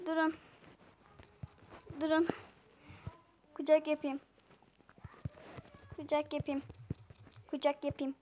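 Slow-talking high-voiced young woman gamer. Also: little pitch movement, lo-fi sound, slight background noise. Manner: playful, giggly, chatty with viewers. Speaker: gaming channel host. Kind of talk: casual gameplay commentary.

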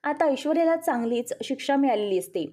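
A woman's voice: high-pitched, expressive, fairly quick, warm tone. A woman retelling a television serial episode as a vivid, emotive story, addressing listeners as friends. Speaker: narrator of serial episode recaps. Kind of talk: dramatic storytelling recap.

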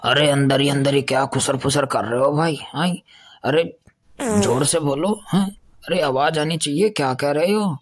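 A man's voice: a little high, normal speed. A man with a western Uttar Pradesh Hindi accent, doing boastful, teasing banter in a rustic comedy skit.

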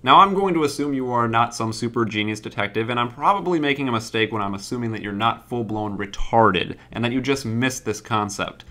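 Bright-voiced sarcastic male video host. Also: mid-range voice, expressive, brisk, few pauses. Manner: sarcastic, profane, punchy. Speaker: YouTube gaming channel host. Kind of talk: sarcastic comedic rant.

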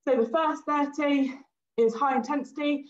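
Out of breath, a fitness instructor with a high, fairly even-toned voice calls upbeat cues and countdowns at a moderate pace during a cardio class. The audio is roomy and distant, with a somewhat dull quality.

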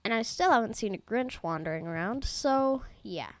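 A woman gaming YouTuber with a fairly high-pitched, expressive voice speaks at a moderate pace in casual, rambling let's-play commentary. She chats straight to her viewers, calling them "guys," though allergies have left her voice slightly off.

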